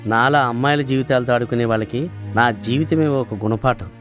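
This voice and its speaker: A man's voice: medium pitch, fairly quick, soft background music, close to an everyday voice. An actor playing a henpecked office clerk who ruefully tells how he was tricked into marriage. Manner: rueful storytelling. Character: henpecked office clerk telling his sorry tale.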